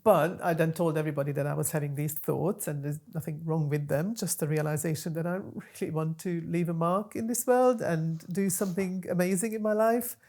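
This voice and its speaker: A woman in her fifties with a deep, darkish voice talks fairly quickly and steadily, barely pausing, and sounds a bit nasal from a cold. In a small studio she chats casually about her own story with plenty of ums, acting as both podcast host and guest in an easygoing interview.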